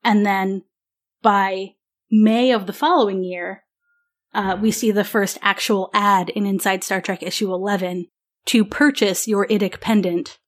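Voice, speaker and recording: A woman's voice: mid-range voice, fairly even intonation, measured pace. A woman hosting a podcast, talking through dates and facts in a casual, informative way. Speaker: podcast host.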